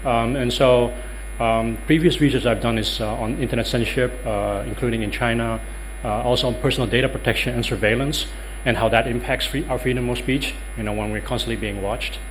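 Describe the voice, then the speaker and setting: A Dutch lecturer in his thirties, from the Netherlands, gives a workshop talk in a conference room with a Dutch accent. His mid-range voice is brisk with fairly even intonation, and he is hesitant with many ums and uhs. The recording is low quality, with a little hiss or hum.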